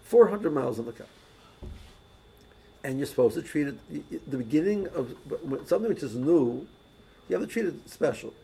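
Husky-voiced man teaching with stories. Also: fairly high pitch, animated, fairly quick, long pauses, dark tone, poor audio. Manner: storytelling, many restarts and repeated words. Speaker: religious teacher. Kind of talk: casual teaching talk with anecdotes.

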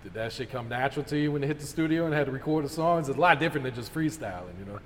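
A man's voice: mid-range voice, animated, rapid-fire. A man interviewing casually, with informal, slangy and affirming talk in an echoey room. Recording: reverberant room with faint noise.

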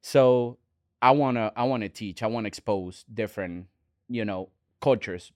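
Earnest man, smooth low voice. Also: darkish tone, dry recording, studio quality. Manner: earnest, halting, many restarts. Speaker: restaurant owner, guest. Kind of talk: casual interview talk.

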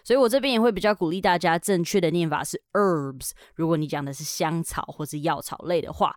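A woman's voice: lowish voice, brisk, no room sound, clean studio sound. A woman hosting a podcast English lesson, upbeat and chatty, slipping English words into her talk. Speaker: English teacher and podcast host.

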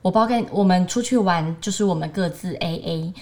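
A woman in her twenties with a Taiwanese Mandarin accent co-hosts a casual podcast, speaking in a lowish, warm voice at a moderate pace. She tells a story animatedly and acts out what other people said.

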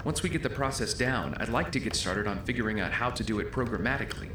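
A man playing a calm, self-assured villainous schemer in an audio drama, talking in a smooth, persuasive, condescending way. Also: mid-range voice, normal speed, background noise, natural voice. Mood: businesslike. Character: calm, self-assured male schemer defending his ruthless plan. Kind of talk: scripted audio drama acting.

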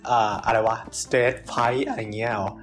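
A man talking casually as a podcast guest, halting with many restarts and mixing English terms into his speech. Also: mid-range voice, fairly even intonation, faint music behind.

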